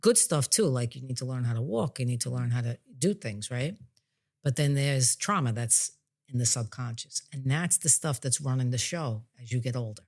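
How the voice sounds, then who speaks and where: Her voice is a rumbling low one with a darkish tone, lively intonation and a moderate pace. The woman, a plain-spoken psychic medium and podcast host, gives a casual, informal explanation of her spiritual healing work.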